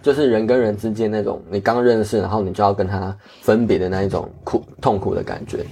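A man's voice: on the low side, steady tone, fast, gravelly, mellow, husky. A man, a guest earnestly telling travel stories in casual chat. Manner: earnest, candid, many restarts.

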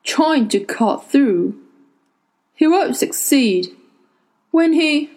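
A woman voicing a battered, bitter old man who mutters slowly through broken teeth in a storybook reading. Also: high-pitched, expressive, darkish tone, pitched above the performer's own voice, exaggerated voice. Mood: grim.

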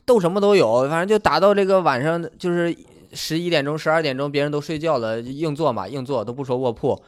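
A man's voice: fairly high pitch, quick pace. A man from Harbin, bantering dryly on a comedy podcast. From Harbin, Northeast China. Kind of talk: casual comic banter.

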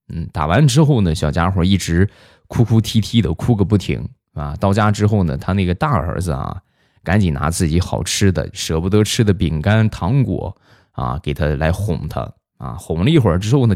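A man narrating funny stories in a wry, deadpan way. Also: sits low, moderate pace, no room sound, studio quality. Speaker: comic storyteller. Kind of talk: scripted comic narration.

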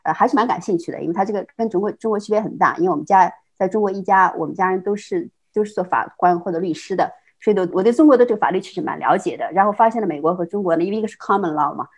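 A middle-aged woman from China, a guest telling her life story in casual conversation, quick and full of restarts and laughs. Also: medium pitch, slightly rough. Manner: fast, with many repeated words and restarts, frequent laughs. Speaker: interview guest.

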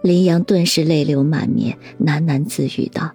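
A woman narrating a suspense story audiobook in an even, measured way. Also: low voice, creaky, soft background music.

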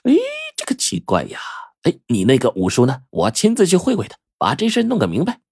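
A man storyteller voicing a shrewd old male village fortune-teller with a husky, drawling, knowing manner. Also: mid-range voice, wildly swooping pitch, a little fast, a little mellow, no room sound, studio quality, pitched above the performer's own voice, exaggerated voice. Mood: puzzled.

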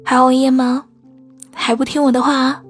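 A woman voicing a gentle, teasing big cat soothing a kitten, in a whispered bedtime role-play. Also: sits high, flat delivery, normal speed, husky, soft background music, pitched above the performer's own voice. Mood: tender. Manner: soft, teasing, tender.

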